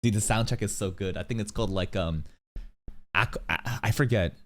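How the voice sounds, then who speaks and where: A man's voice: lowish voice, moderate pace, a little hiss or hum. A young man giving casual anime reaction commentary in a slangy, sweary manner.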